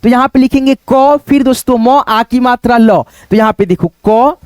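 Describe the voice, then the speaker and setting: Patient high-voiced man dictating Hindi words. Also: fairly even intonation, clear, resonant tone, no echo. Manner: slow, patient dictation, repeating words syllable by syllable; keeps checking in with "ठीक है" and "दोस्तों". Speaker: Hindi teacher. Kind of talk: online writing lesson.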